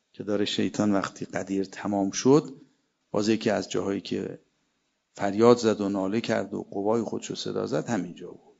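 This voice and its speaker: A man's voice: lowish voice, vocal fry, mellow. A man giving a religious sermon, reciting Arabic verses between emphatic stretches of preaching. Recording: dull lo-fi sermon recording.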